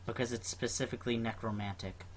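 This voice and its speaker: A man with a mid-range voice runs a tabletop game, pausing and fumbling while he checks the numbers. A faint hiss sits under his voice. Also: medium pitch, steady tone. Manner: hesitant, fumbling with rules and numbers. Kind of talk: casual tabletop game chat.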